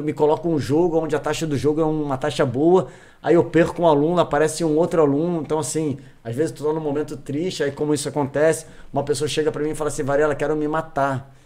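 Animated Brazilian man, fairly high voice. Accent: Brazilian Portuguese. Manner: animated, repeats phrases for emphasis. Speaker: podcast guest. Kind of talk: casual chat, personal storytelling.

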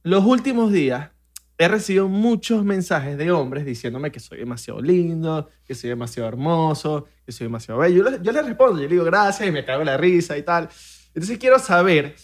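A young man with a Venezuelan accent, chatting as a podcast co-host and telling animated stories with frequent laughs. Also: a little high, brisk. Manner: animated storyteller, laughs often. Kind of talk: casual chat.

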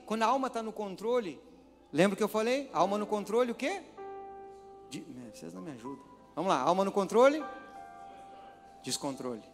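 A high-voiced man preaching a sermon in a church. He swings from quiet, hushed asides to loud, dramatic shouting. The sound carries a long hall reverb over faint music. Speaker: pastor.

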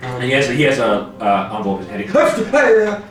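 A man's voice: mid-range voice, very animated, a little fast, heavy reverb, recorded from a distance, faint music behind. A man narrating a tabletop game as game master in a casual way with many fillers.

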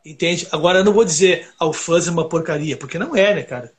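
A man's voice: a little high, fast talker. A man from Brazil, a recording engineer and guitarist chatting casually and telling rambling stories full of fillers. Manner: rambling, animated storytelling with many fillers. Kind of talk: casual podcast chat.

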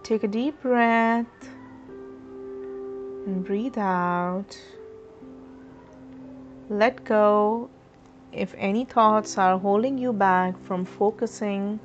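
A woman guides a meditation in a calm, drawn-out way, giving gentle instructions. Her voice sits at an ordinary middle pitch, and the sound is a little dull. Soft music plays faintly underneath. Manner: slow, soothing, instructive.

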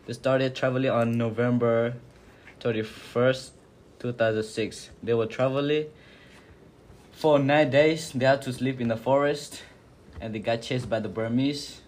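A young man telling a family story in casual talk, halting and repeating himself. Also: medium pitch, fairly even intonation, a little mellow, a little hiss or hum. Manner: halting, repeats words, plain speech. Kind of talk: casual classroom discussion.

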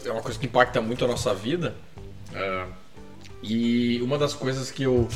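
A man co-hosting a podcast, sharing reflective anecdotes with pauses and hesitations. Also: mid-range voice, reverberant, distant mic, soft background music. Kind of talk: casual podcast chat.

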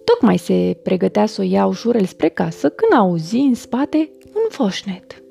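Brief: soothing bedtime storyteller, woman, mellow dark tone, soft music under. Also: mid-range voice, sing-song, creaky. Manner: gentle, soothing. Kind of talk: bedtime story reading for children.

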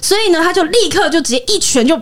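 A woman from Taiwan, a podcast guest telling stories in an animated way and acting out what others said. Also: very high voice, fast. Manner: animated, acts out quoted voices. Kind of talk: casual storytelling.

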